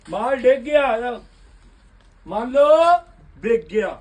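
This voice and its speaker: A man, a shopkeeper giving a loud live sales pitch for suits in his basement clothing shop, calling out prices rapid-fire. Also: lively intonation.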